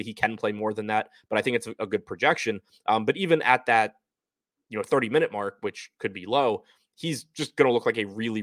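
A man's voice: mid-range voice, no echo. A man hosting a fantasy basketball show, counting down ranked picks and reciting figures in commentary style.

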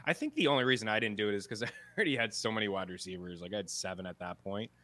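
A man with a Canadian accent, co-hosting a podcast in casual chat and thinking aloud with quick restarts. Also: lowish voice, pushed and bright. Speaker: podcast co-host.

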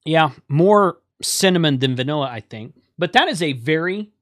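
A man's voice: a little high, animated, moderate pace, a bit bright, no echo, clean studio sound. A man hosting a livestream in a casual, conversational style. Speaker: livestream host. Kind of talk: casual chat.

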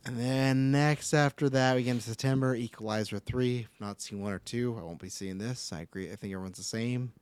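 A man's voice: mid-range voice, a little fast, hardly any pauses, a little mellow, smooth, no room sound. Casual rambling man hosting a chat. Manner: rambling, loose, swears freely. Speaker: podcast host running through upcoming movies.

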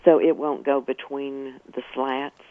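A man's voice: mid-range voice, level tone, measured pace, dry recording. A man calling in to a radio show, asking a question hesitantly and politely. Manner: hesitant, polite, lots of fillers. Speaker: caller. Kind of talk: phone-in question. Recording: tinny phone line.

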